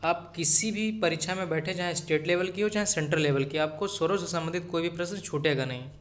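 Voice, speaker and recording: Male tutor, slightly high voice, exam-prep lecture, repetitive and direct. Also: fast talker. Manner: repeats key points, addresses viewers as friends. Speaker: teacher.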